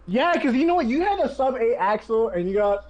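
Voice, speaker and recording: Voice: mid-range voice, sing-song, a little fast, a little mellow, muffled recording. A host giving casual commentary over their own speedrun, chatty, often laughing and sharing tips.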